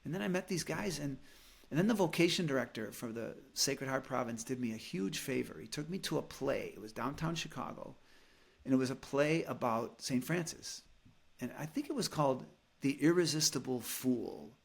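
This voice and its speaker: A middle-aged man, a Franciscan priest, telling lively stories as a podcast guest and acting out quotes. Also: medium pitch, moderate pace, vocal fry, husky. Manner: animated storyteller, acts out quotes. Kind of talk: casual storytelling chat.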